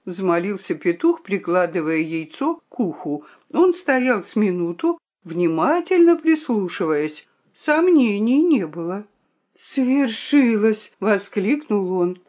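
A woman narrating a fairy tale with an expressive, melodic reading. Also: mid-range voice. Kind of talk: storybook audiobook narration.

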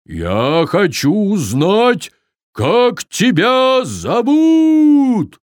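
A man voicing a brave, earnest little male viking in a children's story, calling out loudly. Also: medium pitch, wildly swooping pitch, takes it slowly, no echo, clean studio sound, exaggerated voice. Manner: shouty, earnest.

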